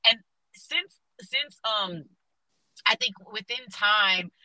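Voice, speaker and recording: A woman's voice: mid-range voice, animated, slow, bright, forceful tone, no echo, low-quality recording. A young woman from South Florida, a muralist guest talking animatedly with lots of fillers and restarts. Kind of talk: casual interview conversation.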